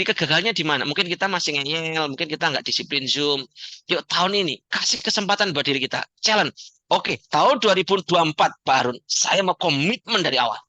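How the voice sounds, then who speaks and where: A man giving a joking, animated motivational talk to an audience as the founder of a community. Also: high-pitched, no room sound. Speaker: founder and coach of a debt-free community.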